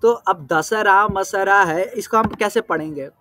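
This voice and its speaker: High-voiced male teacher, patient and clear. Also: pushed and bright, slight background noise. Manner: patient, checks understanding with questions; recites verse terms slowly and deliberately. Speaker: Sanskrit teacher. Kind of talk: explanatory lesson.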